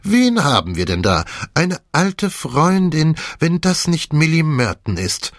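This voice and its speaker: A man's voice: on the high side, very animated, slow pace, no room sound, studio quality, pitched above the performer's own voice, heavily acted. A man voicing a jovial man who gloats heartily while exposing a swindler, in an audiobook. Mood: gloating hearty. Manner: hearty, theatrical.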